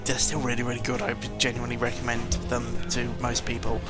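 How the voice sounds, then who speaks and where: A gaming vlogger talks fast in a completely flat, mid-range voice over music. His casual audio log is hesitant and meandering, full of opinionated grumbling, blunt views, and mild swearing.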